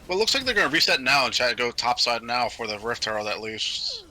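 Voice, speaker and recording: A man casting a video game match, talking through the action in brisk, analytical play-by-play with frequent fillers. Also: mid-range voice, wildly swooping pitch, bright, forceful tone. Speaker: esports caster. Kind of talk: play-by-play commentary.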